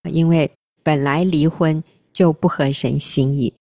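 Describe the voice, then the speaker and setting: Earnest woman radio host, low voice. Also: fairly even intonation, measured pace, mellow, no echo. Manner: earnest, reflective, self-deprecating. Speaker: radio talk show host.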